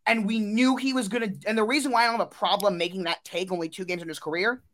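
A man co-hosting a casual sports podcast, eager and quick to quote stats and make bold takes. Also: high voice, steady tone, a bit bright. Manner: eager, stat-quoting, builds up bold takes. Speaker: podcast co-host.

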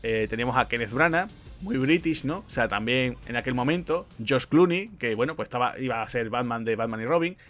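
Guy hosting a film podcast, rambly storyteller, soft music behind. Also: mid-range voice, expressive, brisk. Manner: chatty storyteller, frequent fillers and asides. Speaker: podcast host. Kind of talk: casual film podcast chat.

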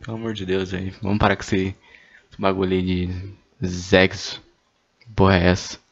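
A man's voice: low voice, little pitch movement, normal speed, creaky, lo-fi sound. A young man, reading questions aloud and joking, stammering and swearing as he goes. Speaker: streamer reading anonymous questions. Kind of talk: casual chat.

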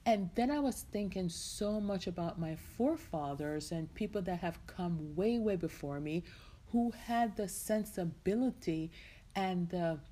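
Woman host from Jamaica, middle-aged, casual rambling podcast chat, slightly low voice. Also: unhurried, mellow. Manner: chatty, rambling, heartfelt, many "you know"s.

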